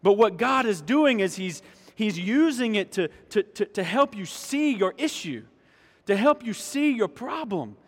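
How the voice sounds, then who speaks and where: A pastor preaching a sermon in a church, emphatic, repeating key lines and speaking directly to the congregation. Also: male voice, high-pitched. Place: church sanctuary. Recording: long hall reverb.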